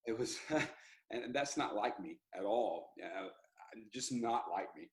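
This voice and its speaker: Animated man telling a story. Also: on the low side, slow pace, rough recording. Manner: animated, rambling with restarts and laughs. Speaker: country singer, interview guest. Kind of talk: casual interview storytelling.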